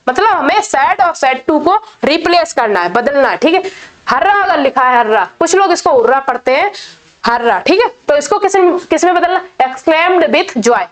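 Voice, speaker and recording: A woman's voice: high voice, lively intonation. A woman teaching an English grammar lesson in Hindi, patiently repeating each rule. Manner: slow, patient, repeats key points.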